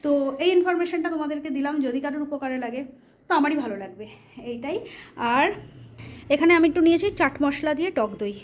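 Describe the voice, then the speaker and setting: A woman in her thirties, hoarse from a cold, chatting casually to viewers as a family vlogger at home. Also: high-pitched, fast, a little mellow. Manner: chatty, talks to viewers as friends. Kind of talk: casual chat to camera.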